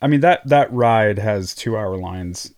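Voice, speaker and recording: A man talking as a podcast guest in natural, unscripted chat, telling stories in an animated, informal way. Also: on the low side, unhurried.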